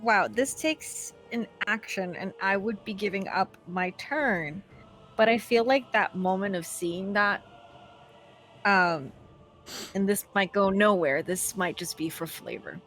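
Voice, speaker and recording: A woman's voice: mid-range voice, measured pace, a bit bright, soft background music. A woman playing a tabletop game, hesitant and thinking aloud. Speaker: player. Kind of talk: tabletop role-play.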